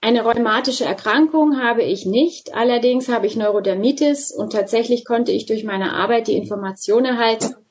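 A woman's voice: fairly high pitch, normal speed, few pauses. A woman in her forties introducing herself fluently and in an orderly way in a podcast interview. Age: 40s. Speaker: regional group leader.

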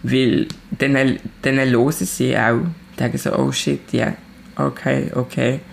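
A woman's voice: very deep voice, little pitch movement, slow, vocal fry, slight background noise. A young woman in her twenties with a Swiss German accent, talking directly and animatedly as a musician guest in a casual chat. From Switzerland. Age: 20s.

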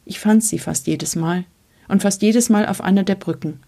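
Gravelly, husky woman reading aloud. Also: medium pitch, normal speed, dark tone. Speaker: reader. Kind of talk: literary reading of a memoir.

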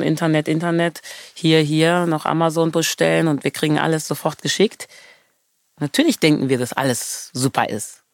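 A woman's voice: extremely low pitch, dry recording, studio quality. A woman from Germany, talking as an interview guest in an earnest, passionate way, stressing points by repeating words.

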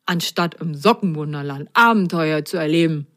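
A woman's voice: low voice, close to an everyday voice. A woman voicing a scolding, know-it-all sock in a children's story. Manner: scolding, brisk.

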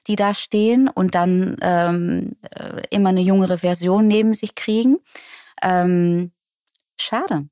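A woman's voice: fairly low pitch, darkish tone, no room sound, clean studio sound. A Dutch woman in her forties with a Dutch accent, speaking German as a guest in an interview, often hesitating with fillers and restarts. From Netherlands. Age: 40s. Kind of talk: conversational interview.

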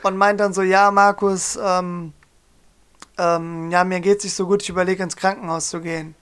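A young man co-hosting a podcast, telling a story in a lively, joking way and acting out quotes. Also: high-pitched, normal speed, smooth. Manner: animated storyteller, acts out quotes, laughs often. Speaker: podcast co-host. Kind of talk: casual storytelling chat.

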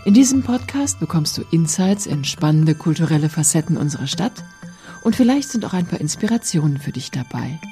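A woman's voice: low voice, sing-song, a little fast, warm tone, soft background music. A woman hosting a podcast, giving a friendly scripted welcome and asking the guest questions. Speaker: podcast host.

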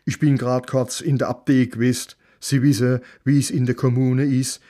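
A man voicing a hurried, bossy middle-aged woman with a who rushes in out of breath. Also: medium pitch, flat delivery, dark tone, close to an everyday voice. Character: bustling middle-aged woman, the librarian's wife.

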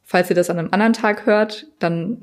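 A woman's voice: medium pitch, fairly quick. A young woman co-hosting a podcast, chatting casually and reading a serial story aloud with small slips. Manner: relaxed, reads steadily with small slips and restarts. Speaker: podcast co-host.

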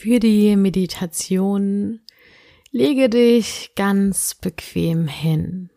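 A woman narrating a soothing sleep meditation like a bedtime guide, in a gentle, unhurried manner with drawn-out phrases. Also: mid-range voice, gravelly, no echo, clean studio sound. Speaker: podcast host and meditation guide.

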